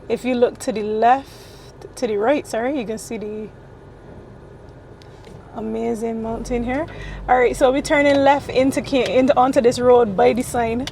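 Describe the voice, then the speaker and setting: A woman's voice: on the high side, gravelly, a little mellow, poor audio. A woman in her thirties, chatting and laughing as she vlogs while driving. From Barbados. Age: 30s. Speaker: vlogger. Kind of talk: casual vlog chat while driving. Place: car on a road. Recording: road noise in a car.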